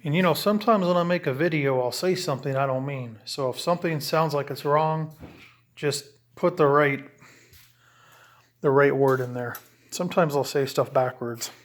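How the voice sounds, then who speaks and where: Slightly high-voiced and speaking at normal speed, a CB radio enthusiast handles his gear in a casual how-to video. He rambles through the radio setup hands-on, restarting his explanations, all captured on a camera mic.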